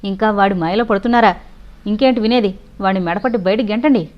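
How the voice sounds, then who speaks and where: A woman's voice: medium pitch, a little fast, close to an everyday voice. Agitated accusing housewife, a woman reading, storybook role, muffled lo-fi audio. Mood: angry. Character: angry fearful housewife accusing a servant. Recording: dull lo-fi recording.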